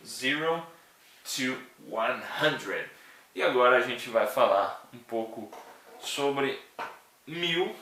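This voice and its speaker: A man's voice: medium pitch, bright, forceful tone. A man teaching English numbers in a casual, chatty way, joking and often checking in with his listeners. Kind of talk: casual classroom explanation. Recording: very echoey room, mic at a distance.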